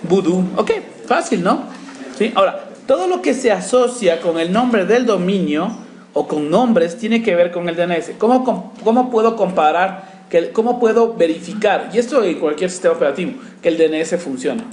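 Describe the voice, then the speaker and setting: High-voiced man teaching in an echoey classroom. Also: expressive, moderate pace, a little mellow. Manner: constant check-ins with the class, talks while typing commands. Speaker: networking instructor. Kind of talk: classroom lecture with live demo. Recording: echoey classroom with faint room noise.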